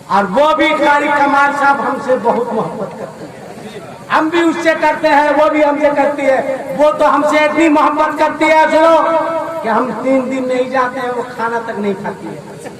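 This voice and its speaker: A man preaches at a big gathering in a very high, piercing voice. He scolds and jokes with punchlines and stretches out his key words. His voice booms through echoing loudspeakers from far away, with a crowd audible behind him. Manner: lively and scolding, with punchlines and drawn-out emphasis. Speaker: religious speaker. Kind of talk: humorous religious speech at a gathering. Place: large religious gathering.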